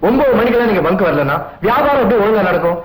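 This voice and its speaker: A man's voice: high voice, big pitch swings, reverberant, music in the background, low-quality recording. An actor playing a glib, teasing young man who co-owns a petrol bunk, in film dialogue. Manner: teasing, glib, quick-talking. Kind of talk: 1980s Tamil film dialogue.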